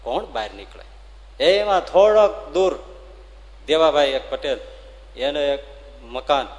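Gujarati swami preaching in an echoing hall. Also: male voice, fairly high pitch. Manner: lively storyteller, rising loud for drama and slowing to chant verses. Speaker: swami giving a religious discourse. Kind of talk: devotional storytelling sermon.

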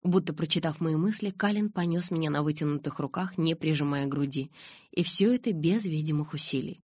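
A woman narrating an audiobook in the first person with a steady, expressive reading. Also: deep voice, a little fast, husky, dry recording.

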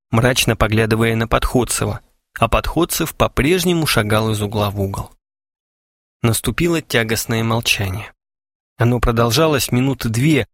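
A man reading an audiobook in an even, measured narration. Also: medium pitch, no room sound, clean studio sound. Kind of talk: scripted narration.

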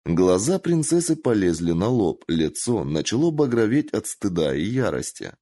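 Man, audiobook narrator, expressive, low-pitched, animated delivery. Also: moderate pace, no echo. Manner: expressive, lively storytelling.

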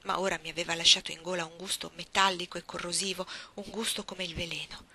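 Woman reading a novel aloud, measured and expressive, really bright sharp tone. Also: lowish voice. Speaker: audiobook reader. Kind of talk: literary audiobook narration.

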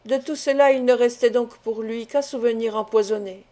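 A woman reading a classic novel aloud as narrator, in a measured, clear way, voicing the dialogue without separate character voices. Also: on the high side, fairly even intonation, dark tone. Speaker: audiobook reader.

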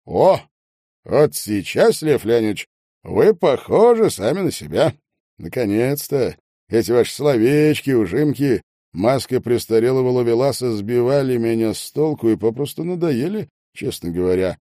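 A man voicing a calm, polite and sardonic young male investigator in an audiobook. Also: medium pitch, moderate pace, no echo, clean studio sound, lightly acted. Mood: pleased. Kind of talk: audiobook character voice.

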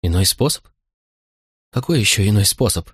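A man's voice: lowish voice, animated, moderate pace, no echo, studio quality, close to an everyday voice. A man voicing a desperate, pleading captive Roman noblewoman in an audiobook, his tone raised and urgent.

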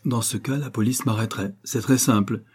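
A man voicing a cool, ironic English lord who bargains with unhurried self-assurance in a storybook reading. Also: mid-range voice, a little mellow, husky, lightly acted.

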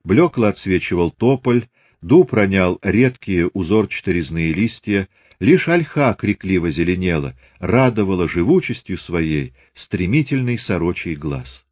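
A man with a low voice reads a classic novel aloud, measured and expressive. The sound is dry and close, with no room around it. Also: no room sound. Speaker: narrator. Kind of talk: literary audiobook reading.

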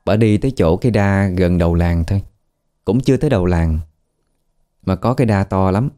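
A man's voice: low voice, brisk, mellow. A man with a Southern Vietnamese accent narrating a ghost story in a colloquial, conversational way.

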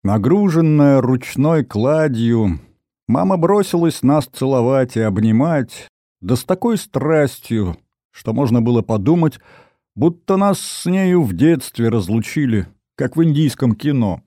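A man narrating a first-person audiobook in a wry, expressive storytelling manner. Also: mid-range voice, unhurried, no echo, studio quality.

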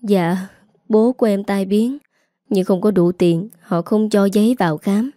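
A woman's voice: medium pitch, a little slow, warm tone, dry recording, clean studio sound, close to an everyday voice. A woman voicing a frightened teenage girl who pleads through tears. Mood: anxious. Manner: sobbing, pleading.

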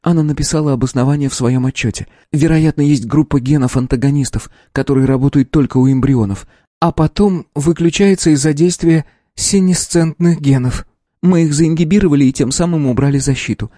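A man voicing a young woman scientist, soft. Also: fairly high pitch, fairly even intonation, a little fast, no echo, clean studio sound, lightly acted. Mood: sorrowful. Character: young woman lab scientist, tense and earnest.

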